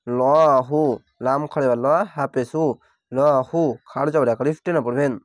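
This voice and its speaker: A man teaching Quran reading in Bengali, spelling out each letter and vowel mark before blending the full word, with calm step-by-step explanations. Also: mid-range voice, normal speed, no echo, clean studio sound. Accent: Bangladeshi Bengali. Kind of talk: slow spelled-out recitation lesson.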